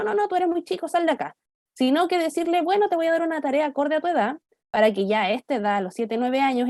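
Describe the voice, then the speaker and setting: A woman's voice: high-pitched, a little mellow, no echo, clean studio sound. A young adult woman from Chile, giving a church talk on child development to parents in a conversational way, often checking in with her listeners. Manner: conversational, asks "¿cierto?" often. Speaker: parenting workshop speaker.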